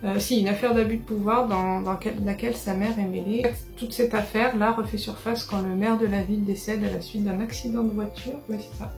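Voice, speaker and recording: Woman, book vlogger, casual and hesitant, gravelly touch, roomy echo. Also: medium pitch, fairly even intonation, a little fast, hardly any pauses, a little mellow, soft background music. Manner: chatty, hesitant, many fillers and restarts. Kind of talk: casual book haul chat.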